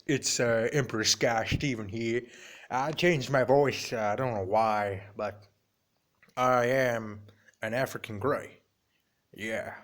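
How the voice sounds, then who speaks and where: A tired, camera-shy African grey parrot mutters in a low, subdued voice, as a man puts him on. He speaks slowly and keeps it quiet and deadpan. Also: close to an everyday voice. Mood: bored.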